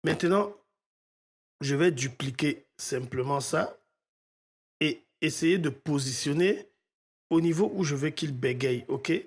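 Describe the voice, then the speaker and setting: A man's voice: fairly high pitch, slow pace, long pauses, slightly rough. A man teaching audio mixing in a step-by-step tutorial, often checking in with his viewers. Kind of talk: screen-recorded software tutorial.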